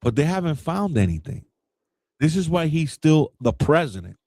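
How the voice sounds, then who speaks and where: A man co-hosting a podcast, telling a story in a casual, animated way. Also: on the high side, normal speed, no echo. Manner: animated storyteller who acts out quoted people. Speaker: podcast co-host. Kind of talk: casual chat.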